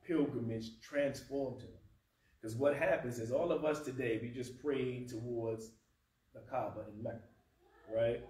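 In a carpeted prayer room, a mosque teacher in his thirties talks informally from a lectern, animated and gesturing, his mouth dry because he is fasting. His voice is mid-range, and Arabic is not his first language. The audio comes from a distant camera, roomy with a faint hum.

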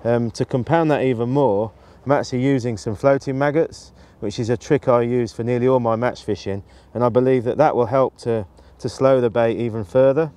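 A man's voice: mid-range voice, steady tone, a little fast, few pauses, dark tone, smooth. Man explaining fishing tactics on a riverbank. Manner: practical, explanatory, with frequent fillers and restarts. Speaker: match angler demonstrating tactics. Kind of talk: instructional talk to camera. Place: outdoors on a riverbank. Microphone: lapel mic.

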